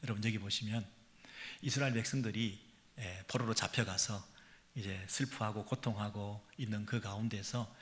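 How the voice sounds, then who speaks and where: A male pastor preaching a sermon, who swings from hushed near-whispers to loud, pleading peaks. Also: lowish voice, fairly even intonation, normal speed. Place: church sanctuary.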